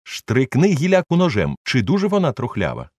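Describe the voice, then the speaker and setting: Feverish eccentric gentleman, commanding and urgent, dry recording; a man reads him. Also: mid-range voice, huge pitch swings, a little fast, no echo, voice pushed up. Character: excitable eccentric gentleman obsessed with treasure.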